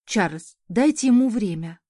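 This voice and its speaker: A woman reading the lines of a defiant young heroine who hides that she is a mage, her voice emotional and sharp in retorts. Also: medium pitch, lively intonation, a little slow, dry recording, clean studio sound. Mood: gentle.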